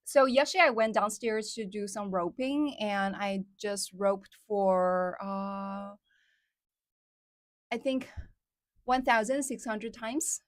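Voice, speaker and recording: A woman with a mid-range voice speaks slowly in clean, studio-quality audio with no room sound. Her first language is Chinese, and she speaks English with an American Midwest accent while hosting a casual livestream chat with viewers. She's chatty, laughs often, and fills her speech with words like "like" and "somehow."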